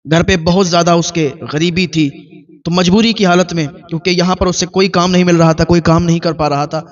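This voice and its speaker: Brief: male preacher, high voice, earnest storytelling sermon, dull lo-fi recording. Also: fairly even intonation. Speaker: Islamic preacher.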